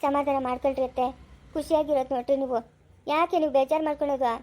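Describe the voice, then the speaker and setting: A woman with a rural Kannada accent playing a caring village daughter-in-law in an amateur family drama, talking in a soft, soothing, reassuring way. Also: high voice, steady tone, rapid-fire, lightly acted. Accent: rural Kannada from the Chikkaballapura area. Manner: soothing, reassuring, softly pleading. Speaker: daughter-in-law comforting her mother-in-law.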